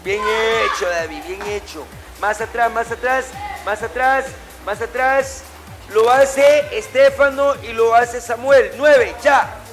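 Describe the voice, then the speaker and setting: Over music, a middle-aged man with a very high voice and fairly even intonation speaks at a slow pace, calling out drills to a class. As a martial arts instructor in an indoor gym with matted flooring, he issues commanding, short, repeated orders and corrections.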